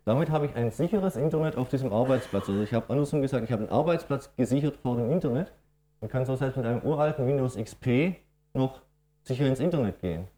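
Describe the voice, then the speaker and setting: A middle-aged Swabian man from Germany delivers a technical conference talk at a quick pace, his warm mid-range voice full of lively intonation. He's matter-of-fact, uses lots of fillers, and has a Swabian German accent.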